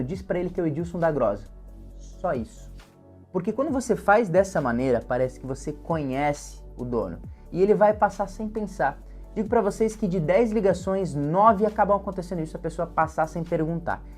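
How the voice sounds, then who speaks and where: Um homem com sotaque brasileiro, treinador de vendas, ensinando passo a passo e encenando exemplos de ligações. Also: male voice, a little high. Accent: Brazilian Portuguese. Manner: step-by-step, earnest, acts out sample phone calls. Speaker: sales trainer. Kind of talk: instructional talk.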